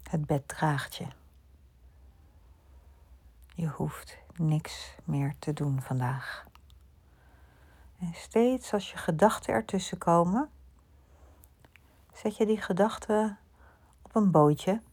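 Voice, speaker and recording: Guiding listeners into sleep, a female meditation leader speaks in a hushed tone that frequently sinks to a whisper. Her voice is fairly low, dark and mellow, breathy with a husky edge, and she moves at a very slow pace through this bedtime relaxation.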